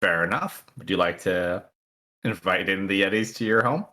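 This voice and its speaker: A man narrating and refereeing as game master of a tabletop game, describing the scene in a relaxed way. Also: sits low, moderate pace.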